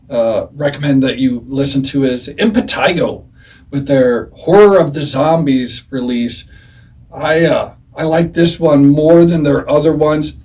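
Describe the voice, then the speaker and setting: A man's voice: medium pitch, a little mellow, distant mic. A man in his forties giving a casual, rambling music review, full of "uh"s and "anywho"s.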